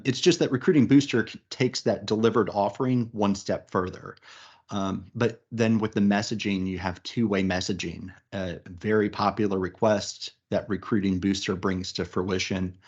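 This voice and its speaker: A man presents a business webinar in a chatty, upbeat way, full of fillers and restarts. His voice sits a little low. The audio is muffled and lo-fi. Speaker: webinar presenter, recruiting practice lead.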